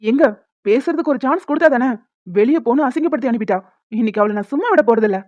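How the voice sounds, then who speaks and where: Woman doing a fired-up cartoon big brother, high and fast talking, kinda dull dry audio. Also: lively intonation, darkish tone, no room sound. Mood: indignant. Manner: indignant, fast and blustery. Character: hot-tempered young man, the elder brother. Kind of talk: cartoon voice acting.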